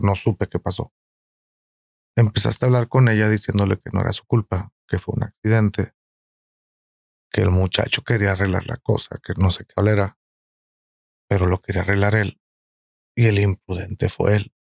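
Guy, low flat voice, chill storytelling. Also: vocal fry, no room sound, clean studio sound. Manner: relaxed, slow retelling of a friend's story. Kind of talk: casual storytelling.

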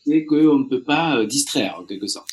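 A man's voice: mid-range voice, lively intonation, moderate pace, darkish tone. A man co-hosting a casual podcast chat, chiming in with playful, teasing remarks. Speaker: podcast co-host.

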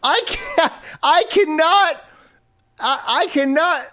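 A man hosting a comedic podcast, telling a story in an animated, incredulous, joking way and reading out chat comments. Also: very high voice, slow pace. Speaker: podcast host.

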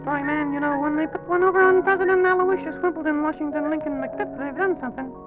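A man voicing a small, excitable, bearded little president in a children's radio drama, folksy, boastful and kindly, repeating himself. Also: very high-pitched, fast, voice pushed up. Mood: proud, delighted. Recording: dull vintage broadcast, loud music behind.

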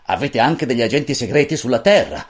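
A woman voicing a calm, middle-aged male professor and father who speaks slowly in measured, dry remarks, in a storybook reading. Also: rumbling low.

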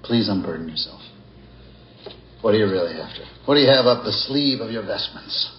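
An actor playing a cocky, blunt wealthy financier in a TV drama, heard through a roomy, dull soundtrack. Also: male voice, lowish voice, animated, brisk, lightly acted. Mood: mocking. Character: confident wealthy male financier.

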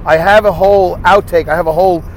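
Driving down a highway, a man with a Brooklyn accent hosts a chatty solo podcast, poking fun at himself and asking himself rhetorical questions. His high-sitting voice moves fast with fairly even intonation, and the rough audio picks up faint road and car noise.

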